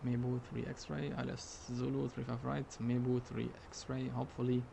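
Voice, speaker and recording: Male sim streamer, flat delivery with some fry, hesitant thinking-aloud commentary over faint noise. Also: medium pitch, normal speed. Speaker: flight sim streamer playing airline pilot.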